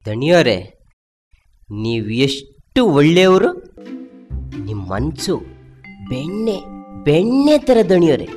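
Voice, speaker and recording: A whiny sneaky servant, sucking up and grumbling, voice bouncing all over, faint music behind. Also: male voice, sits high, animated, unhurried, pauses often. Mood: wheedling. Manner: whiny, wheedling, comic. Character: grumbling comic servant, sly flatterer. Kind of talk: comic film dialogue.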